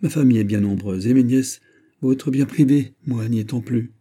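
A man voicing a dying old male cardinal who pleads and flatters theatrically, with a husky, dark voice. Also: on the low side, moderate pace. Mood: scheming.

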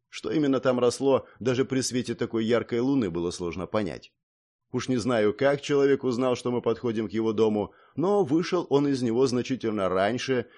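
A man reads a first-person fantasy novel aloud in an even, slightly wry manner. His pitch sits in the ordinary middle range, while his intonation moves in a lively way. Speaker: audiobook narrator. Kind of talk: scripted first-person narration.

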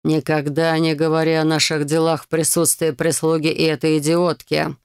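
A cruel, cold-hearted baron, voiced by a woman reading a story aloud, speaks in slow, clipped orders. His voice is lowered and a little gravelly, with a dry, close sound. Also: level tone, no room sound. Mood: angry. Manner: slow, menacing, curt. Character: cold, cruel middle-aged baron, harsh father.

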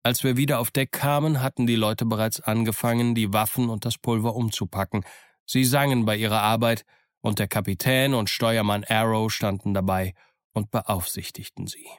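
A man reading a novel aloud as an audiobook narrator, in steady storytelling. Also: fairly low pitch, moderate pace, dry recording, studio quality.

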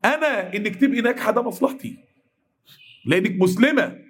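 A man in his thirties with an Egyptian accent, giving a mosque lesson in an animated, blunt manner and acting out dialogue. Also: high-pitched, brisk, breathy edge. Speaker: preacher.

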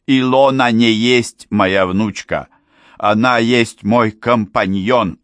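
A man voicing a hoarse old foreign man who speaks broken Russian, pitched well above the reader's own voice. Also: takes it slowly, a bit bright, no echo. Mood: pleading confession.

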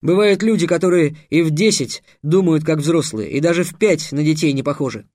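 A man's voice: on the high side, a little fast, a little mellow, dry recording, studio quality, lightly acted. A man voicing a young, sarcastic mage who lectures his enemy in a scornful tone. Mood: lecturing. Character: young sarcastic male mage, bold and mocking.

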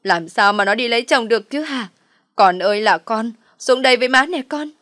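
A woman voicing a scheming middle-aged mother who laments loudly and theatrically. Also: fairly low pitch, steady tone, normal speed, no echo, studio quality, close to an everyday voice. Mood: wailing.

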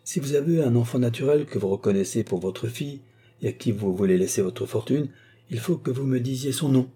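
A man's voice: medium pitch, brisk, dark tone, husky, voice pushed up, natural voice. A man voicing an earnest, formal middle-aged notary who speaks in careful legal phrases. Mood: insistent.

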